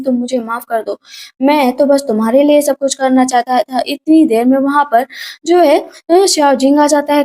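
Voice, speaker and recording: A woman narrating a casual recap of a drama plot, retelling scenes quickly and conversationally with filler phrases as she goes. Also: high-pitched, mellow.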